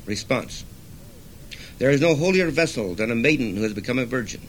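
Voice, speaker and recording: An older man, a poet, reading his own verse in a measured, solemn recital, with hesitant asides between pieces. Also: medium pitch, slight background noise. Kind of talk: poetry reading.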